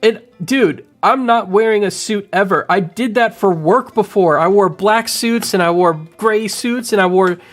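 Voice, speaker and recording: A man in his thirties doing casual livestream commentary from home on a boom mic, rambling and animated, full of fillers. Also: a little slow, hardly any pauses, soft background music. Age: 30s. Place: home room. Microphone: studio mic on boom arm.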